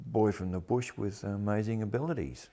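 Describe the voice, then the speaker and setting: A man's voice: lowish voice, moderate pace, background noise. An older man with a broad Australian accent, reminiscing casually and bluntly in an interview, with salty colloquial turns of phrase. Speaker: actor interviewee.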